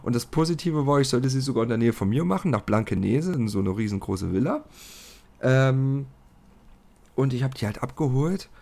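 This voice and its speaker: A man's voice: mid-range voice, animated, normal speed, creaky, dark tone. Chatty man telling a story. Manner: chatty, colloquial, often says "halt" and "so". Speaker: podcast host telling a story. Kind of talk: casual storytelling.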